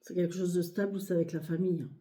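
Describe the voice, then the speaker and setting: A hoarse, short-of-breath woman speaking softly and hesitantly with many fillers as she reads cards in a casual video. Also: lowish voice, steady tone, racing. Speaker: card reader. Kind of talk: casual tarot reading video. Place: home, near a sleeping child, outdoor birds.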